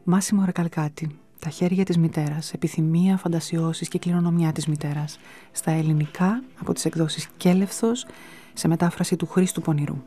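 A woman hosting a radio show, giving a calm, measured, scripted book review. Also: low-pitched, soft background music. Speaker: radio host presenting books.

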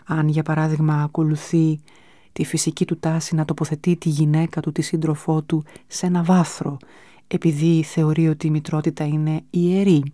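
Lady radio host, low mellow voice, calm and reflective, dry studio sound. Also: no echo. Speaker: radio host presenting books. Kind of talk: scripted radio book review.

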